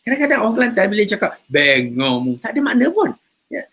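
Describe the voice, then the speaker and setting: Husky man telling stories. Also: extremely high pitch, expressive, very fast, a bit bright. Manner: chatty storyteller, repeats words. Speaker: religious teacher and host. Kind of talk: casual talk on faith and character.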